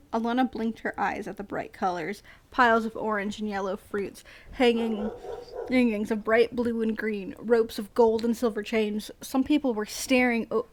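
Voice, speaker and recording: An American woman reading a novel aloud on a live stream, often stumbling over words, laughing and breaking off to chat. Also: on the high side. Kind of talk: casual read-aloud with chat. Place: home streaming setup.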